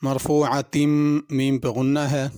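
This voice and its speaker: Pakistani guy teaching quran tajweed, slow and patient, smooth resonant voice, dry close sound. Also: mid-range voice, level tone, dark tone, no room sound. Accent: Pakistani Urdu. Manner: patient, methodical, repeats each word slowly before explaining the rules. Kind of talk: tajweed lesson, alternating slow drawn-out recitation with spoken explanation.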